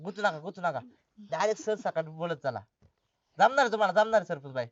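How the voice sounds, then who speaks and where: Village helper cheering her on, bit high voice, lo-fi. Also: expressive, brisk, no echo. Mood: coaching. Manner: reassuring, coaching. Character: encouraging village helper man.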